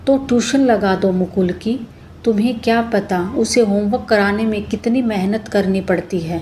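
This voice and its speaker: A woman voicing a middle-aged wife and mother who speaks in a brisk, practical way. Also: medium pitch, darkish tone, slight background noise, natural voice.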